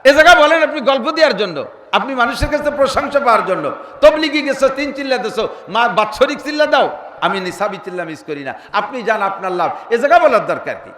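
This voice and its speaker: A man preaching a humorous sermon, telling stories and mimicking the people he quotes, sometimes breaking into shouts. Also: very high voice, big pitch swings, fast. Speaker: Islamic preacher. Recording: echoey hall with long reverb.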